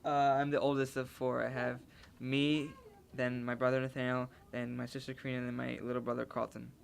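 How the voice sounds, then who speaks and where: Fast, gravelly seventeen-year-old guy. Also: medium pitch, monotone. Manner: rambling, self-correcting. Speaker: graduating homeschool student. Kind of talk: casual interview answers.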